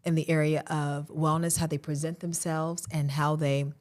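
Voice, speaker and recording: Upbeat woman guest, low-pitched. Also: flat delivery, normal speed, a little mellow. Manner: upbeat, self-promoting, speech-like delivery. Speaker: podcast guest, wellness CEO. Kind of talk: interview answers.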